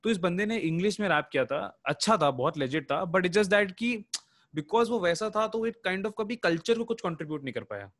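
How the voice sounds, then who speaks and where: A man's voice: high voice, lively intonation, racing, fairly bright tone. A man from Lucknow with an Indian accent, chatting casually as a rapper guest in an interview, switching between Hindi and English mid-sentence in slangy storytelling.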